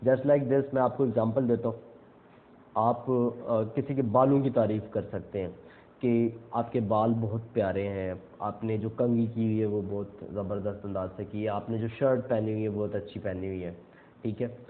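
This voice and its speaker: A man's voice: fairly low pitch, steady tone, normal speed, a little hiss or hum. Young man teaching over tinny phone-like audio. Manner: explains step by step, punctuating points with frequent check-ins. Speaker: self-improvement speaker. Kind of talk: casual instructional talk.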